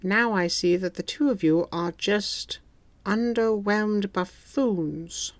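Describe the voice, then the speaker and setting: A woman's voice: mid-range voice, slow pace, no echo, pitched above the performer's own voice, close to an everyday voice. A man voicing a stern female spy chief who scolds in a clipped, disapproving way.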